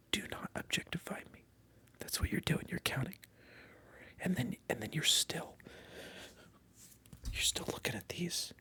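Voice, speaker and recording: In a close-mic whispered ASMR monologue, the creator speaks directly to the viewer, teasing, feigning indignation and repeating lines. The voice is mid-range with a sharp tone.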